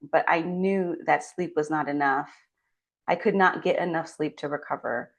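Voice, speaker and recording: A woman giving a scripted motivational talk as a well-being coach, speaking earnestly and supportively straight to the listener. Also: low-pitched. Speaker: well-being coach and doctor hosting a channel.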